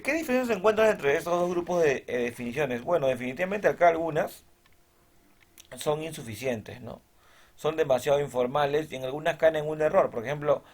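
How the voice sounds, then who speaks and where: A male teacher giving a recorded lesson. He explains step by step, checks in with his students after nearly every point and reads definitions from the text aloud. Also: on the high side.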